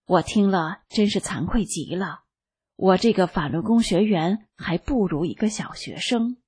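A woman reading a first-person testimony aloud as scripted narration, in a slow, calm and even manner. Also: medium pitch, slightly rough. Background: faint background music.

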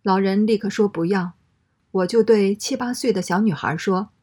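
A woman reading a first-person story aloud in a steady, matter-of-fact way. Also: medium pitch, moderate pace, husky.

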